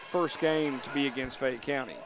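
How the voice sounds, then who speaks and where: Chatty man calling high school hoops. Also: steady tone, normal speed. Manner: rambling, chatty, many restarts. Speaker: play-by-play commentator. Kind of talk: local high school basketball commentary. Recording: noisy gym ambience.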